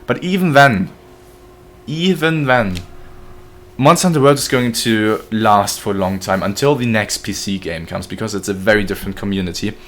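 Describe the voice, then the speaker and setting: A man's voice: lowish voice, normal speed, fairly bright tone. A man casually commenting on his gameplay during a live stream, joking and chatting with his viewers. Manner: joking, chatty, reads chat aloud. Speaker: game streamer.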